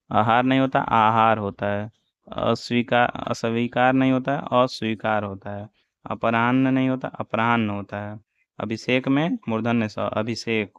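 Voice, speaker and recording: A man teaching Hindi spelling for an exam, slowly reciting wrong and correct forms one after another. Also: on the low side, clear, resonant tone, dry recording. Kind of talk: exam-prep spelling lesson. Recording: dull, dry lo-fi audio.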